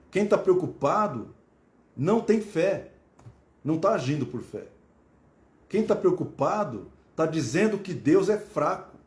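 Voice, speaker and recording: A man's voice: on the high side, darkish tone, reverberant. A man preaching a sermon, asking his listeners questions and repeating phrases for emphasis.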